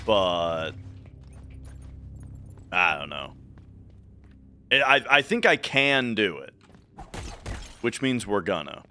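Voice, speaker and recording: A man's voice: on the low side, sing-song, takes it slowly, long pauses, sharp tone, faint music behind. A man live streaming from a home setup, chatting casually while gaming, rambling with lots of fillers and restarts into a studio mic. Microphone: studio mic through a desk mixer.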